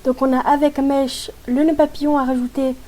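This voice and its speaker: A woman giving a casual tutorial voice-over for a video game, chatty and explanatory, pausing often to hesitate as she goes. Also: high voice, little pitch movement, warm tone. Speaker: gaming tutorial host.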